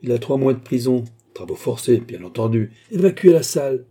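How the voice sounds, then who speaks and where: A man's voice: mid-range voice, brisk, mellow, lightly acted. A man reading aloud and voicing a harsh, bullying male magistrate who sneers and barks his orders. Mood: harsh, shouting. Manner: sneering, barking.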